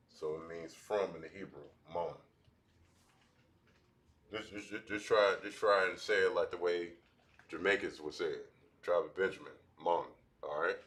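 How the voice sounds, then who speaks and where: A man teaching a language class at a board, talking in halting bursts with many restarts. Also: low-pitched, fairly bright tone.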